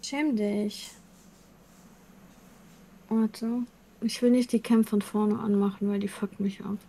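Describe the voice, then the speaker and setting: Woman, mid pitch, playful teasing banter, fussing over her looks. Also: fairly even intonation, slow pace, mellow, low-quality recording. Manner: teasing, self-critical. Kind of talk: casual chat.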